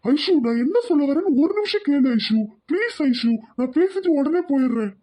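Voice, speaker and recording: A woman's voice: high voice, expressive, moderate pace, mellow. A woman voicing a lovesick young male student in a Tamil cartoon, begging earnestly.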